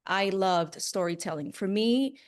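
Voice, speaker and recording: A woman's voice: mid-range voice, lively intonation, a little slow, clean tone. A woman telling personal stories as a journalist being interviewed, in an earnest, conversational way with emphasis on key words. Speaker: interview guest, broadcast journalist. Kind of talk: casual personal storytelling in an interview.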